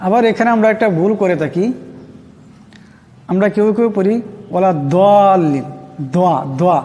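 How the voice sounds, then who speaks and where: A high-voiced man teaching Quran pronunciation, moving between quick explanations and slow, melodic chanting of the verses. His voice has a mellow, relaxed tone. It rings with a long reverb, and faint music plays underneath.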